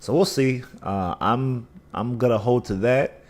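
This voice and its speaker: A man hosts a casual trading livestream, thinking aloud through chart analysis with many restarts. His mid-range voice is scratchy, his mouth sounds dry, and he speaks at a measured pace.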